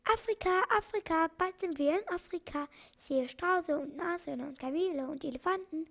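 A woman reading an audiobook, voicing a cheerful, reassuring crocodile in a lively storybook manner. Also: very high voice, normal speed, pitched above the performer's own voice. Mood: excited.

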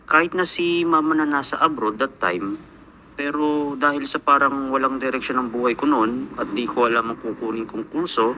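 Bright-voiced Filipino man narrating earnestly. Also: medium pitch, a little hiss or hum. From Philippines. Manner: earnest, prayerful storytelling. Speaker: overseas worker telling his story. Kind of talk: reflective voice-over narration.

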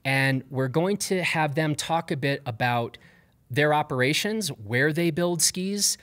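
A man's voice: on the high side, lively intonation, a little slow, a bit bright. Upbeat man moderating a live panel. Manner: upbeat, loose, with fillers. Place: stage before a live audience.

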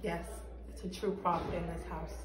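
A woman with a low-leaning, level voice speaks at a moderate pace in an earnest, emphatic interview testimony about church. She's seated in a small bare-walled room, and the distant camera mic gives an echoey recording.

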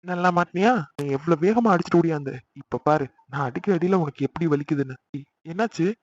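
A man's voice: fairly high pitch, quick pace, darkish tone, natural voice. A man voicing a playful, defensive older brother in a cartoon. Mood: grumbling. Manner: grumbling, defensive. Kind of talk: cartoon voice acting. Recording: slightly dull lo-fi sound.

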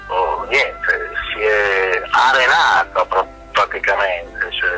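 A sculptor talking by phone over speakerphone into a live broadcast, reflective and hesitant, filling pauses with fillers. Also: male voice, medium pitch, bright, forceful tone. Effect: phone call heard over speakerphone.

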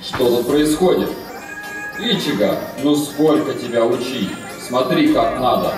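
A man's voice: mid-range voice, expressive, measured pace, close to an everyday voice. Exasperated anime fighter mentor male actor, stage parody, big echoey hall, distant. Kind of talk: theatrical anime parody skit. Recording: echoey hall, far off, music.

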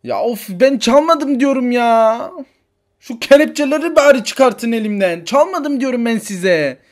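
A wrongly accused mother pleads her innocence in a toy figure story, voiced by a man. Her voice sits high and swoops up and down as she protests. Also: animated, a little slow. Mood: indignant. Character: distraught mother accused of theft, woman.

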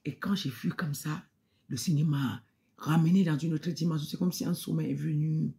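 A woman's voice: low-pitched, steady tone, normal speed, gravelly, warm tone. A woman giving an emotional spoken testimony in church, repeating phrases and sometimes dropping to a near-whisper.

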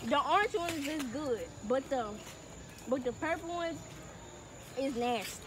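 A young woman chatting casually to her camera outdoors on a hot day, animated and slangy, raising her voice over others. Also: high voice, unhurried, background noise. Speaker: vlogger. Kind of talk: casual vlog chat. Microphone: handheld camera.

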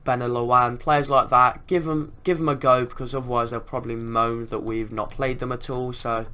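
A man's voice: mid-range voice, little pitch movement, normal speed, sharp tone, clear, resonant tone. A man giving casual commentary on a video game as he plays. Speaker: gaming video creator.

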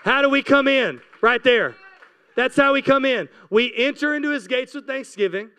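His voice is very high, pushed and bright, clear and resonant, delivered at a normal speed. He's a pastor in his forties on an indoor church stage, reading scripture and urging his listeners again and again with passion, a handheld microphone held close.

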